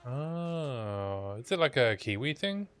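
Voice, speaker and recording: A man streaming a video game, thinking out loud to himself in casual commentary as he plays. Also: medium pitch, sing-song, takes it slowly, smooth. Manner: musing aloud to himself while playing.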